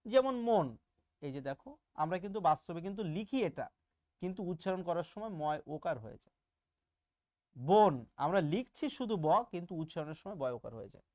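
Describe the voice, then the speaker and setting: A man teaches grammar to students online, keeping it chatty and teasing. He throws rhetorical questions at the class and stretches out each example word slowly so it can be heard clearly. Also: sits high, big pitch swings, warm tone. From Bangladesh. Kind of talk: casual online grammar lesson.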